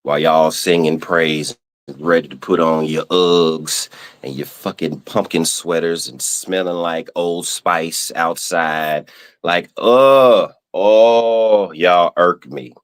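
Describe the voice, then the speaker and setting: A man's voice: rumbling low, little pitch movement, takes it slowly, fairly bright tone. A man with a Southern US accent, hosting a podcast, rants casually and swears with playful exasperation. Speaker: podcast host. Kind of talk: casual ranting monologue.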